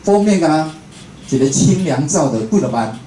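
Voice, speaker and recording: A Taiwanese radio host gives an informal, conversational public lecture to a live audience in an indoor venue. His male voice is on the high side, expressive and dark in tone, at a normal pace. The room is echoey and background noise is clearly audible.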